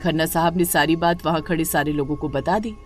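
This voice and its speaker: A woman narrating an animated family story in a scripted, expressive way. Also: low voice, brisk, soft background music.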